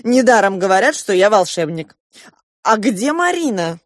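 A woman voicing a loud, excitable middle-aged rich man who owns a yacht, reading an audiobook. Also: mid-range voice, normal speed, no room sound, studio quality, lightly acted. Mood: boisterous. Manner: loud, exclamatory, bossy. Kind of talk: audiobook character voice.

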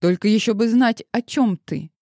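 A woman's voice: on the high side, moderate pace, warm tone, dry recording, voice pushed up, lightly acted. A woman reading an audiobook voices a firm mother with a dry, sarcastic edge. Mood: stern. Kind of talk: audiobook character voice.

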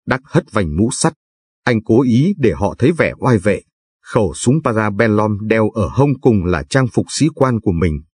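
A man narrating a novel as an audiobook in a measured, steady reading. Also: on the low side, breathy edge, no echo, clean studio sound.

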